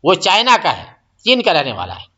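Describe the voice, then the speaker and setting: A man with a high, bright voice teaches an Arabic lesson. He explains each phrase, then repeats it slowly and translates it. The recording is dull and lo-fi. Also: wildly swooping pitch. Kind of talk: classroom-style language lesson.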